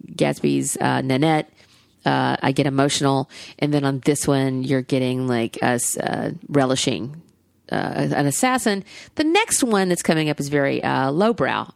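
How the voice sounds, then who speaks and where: Southern woman co-host, gravelly low voice, rambling, dry close mic. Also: dry recording. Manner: rambling, swears casually, many fillers. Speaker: podcast co-host. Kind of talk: casual podcast chat.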